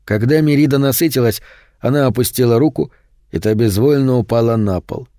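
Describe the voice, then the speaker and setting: A man narrating a horror audiobook in a steady, measured way. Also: medium pitch, no echo, studio quality. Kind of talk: scripted narration.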